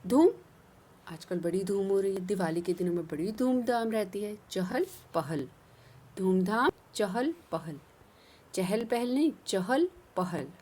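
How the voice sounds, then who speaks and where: A woman teaching young children, reciting a poem in a sing-song way and slowly drilling new words. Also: mid-range voice, lively intonation, dark tone.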